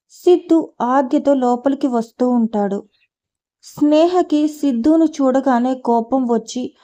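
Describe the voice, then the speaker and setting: A woman reading a novel aloud, voicing the narration and every character's dialogue in one steady voice. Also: high voice, muffled recording. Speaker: storyteller.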